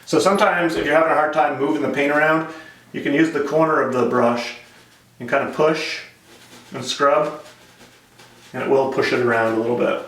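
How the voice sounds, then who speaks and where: A man teaching painting step by step in a gentle, informal, encouraging way. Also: on the high side, fairly even intonation, normal speed, long pauses. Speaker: painting instructor. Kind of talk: casual step-by-step painting tutorial. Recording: echoey room, distant microphone.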